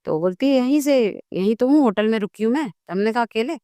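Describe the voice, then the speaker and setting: A woman guest in a casual interview, telling a personal story in a lively way and acting out the dialogue. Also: a little high, fairly quick, no echo. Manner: animated storytelling, acts out dialogue. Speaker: guest devotee.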